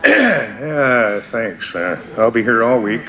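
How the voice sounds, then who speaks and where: A man's voice: mid-range voice, big pitch swings, slow pace. Wry, showy man, wildly swinging delivery. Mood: mock-ceremonious. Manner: wry, showy, mock-ceremonious. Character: sardonic, theatrical man narrating dark events with relish. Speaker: storyteller under questioning. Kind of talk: television drama acting. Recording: music behind the voice.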